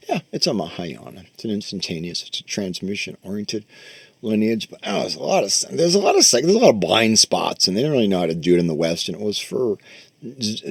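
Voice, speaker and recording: A man talks through a Buddhist teaching in a loose, chatty manner, full of fillers and the odd swear word. His voice swings widely in pitch as he leads listeners through breathing. He sits right up close to the microphone, in a dry room with no echo. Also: creaky. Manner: loose, conversational, swears casually, many fillers. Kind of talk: casual dharma talk with guided meditation.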